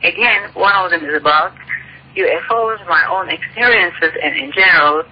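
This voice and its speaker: A native Turkish speaker from Turkey, an author and ufologist, earnestly explains her work as a guest in a phone-line interview, speaking with a Turkish accent. Her fairly low voice is slightly rough and moderately paced, and the recording is muffled with faint hiss.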